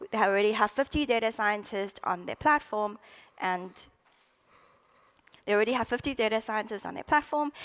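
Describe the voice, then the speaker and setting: A woman founder giving a startup pitch presentation in a salesy, jargon-laden way. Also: a bit bright.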